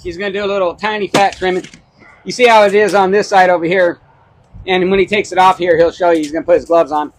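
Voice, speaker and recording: A man's voice: high-pitched, little pitch movement, quick pace, a little hiss or hum, low-quality recording. A man co-hosting a casual barbecue cooking demonstration outdoors, enthusiastic and explaining step by step. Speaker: barbecue show co-host.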